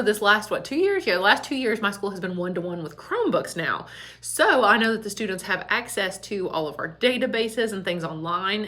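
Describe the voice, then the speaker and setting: A woman's voice: medium pitch, pushed and bright. A woman school librarian chatting casually and laughing often, her voice echoing around an empty back storage room. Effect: echoey empty room. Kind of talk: casual video chat.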